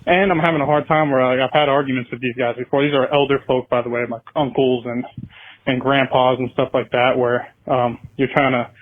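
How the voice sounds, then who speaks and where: A man's voice: medium pitch, fairly even intonation, a little fast. A young American man calling in to a podcast, rambling casually and swearing. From United States. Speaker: caller. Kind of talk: phoned-in voicemail question. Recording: tinny phone line.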